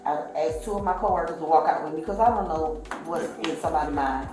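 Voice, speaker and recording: Woman witness, low voice, rambles and quotes people, heavy room echo with faint music under. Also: fast. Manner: rambling storytelling, acting out quoted speech. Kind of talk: recounting events to police.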